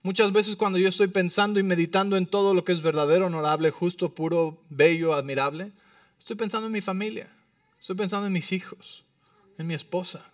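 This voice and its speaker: A man preaching a sermon as pastor, often checking in with the congregation and moving between soft asides and emphatic lines. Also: high-pitched, steady tone, fairly quick, no room sound, studio quality, distant mic. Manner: frequent tag questions to the congregation. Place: church.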